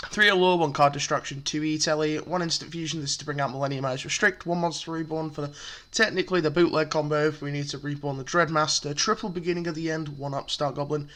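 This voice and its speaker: A deck profile presenter casually walks through a card game deck step by step, chatty and full of fillers. His voice is a little high and a bit bright.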